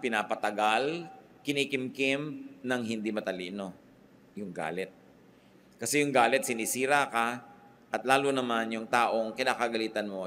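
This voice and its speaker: A man's voice: medium pitch, pushed and bright, a little hiss or hum. An older man with a Filipino accent, a pastor delivering a sermon, switching freely between Tagalog and English and asking his listeners rhetorical questions. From Philippines.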